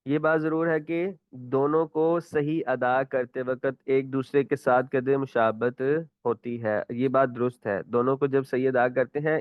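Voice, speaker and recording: A man with a Pakistani Urdu accent teaches Quran recitation online, explaining patiently, asking and repeating questions, and reciting example words slowly. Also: mid-range voice, clear, resonant tone, no room sound. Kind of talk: online tajweed lesson. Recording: tinny phone-like line.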